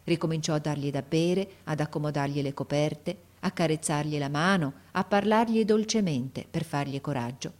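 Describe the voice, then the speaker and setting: Brief: low-pitched female narrator, measured expressive audiobook reading.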